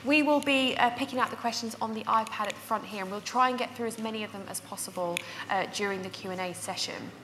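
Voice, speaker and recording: Friendly woman host, slightly high voice; big hall reverb. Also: fast talker, hardly any pauses, background noise. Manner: friendly, with many ums. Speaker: event host. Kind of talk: hosting a panel at a welcome talk. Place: large lecture hall stage. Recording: hall reverb with audience ambience.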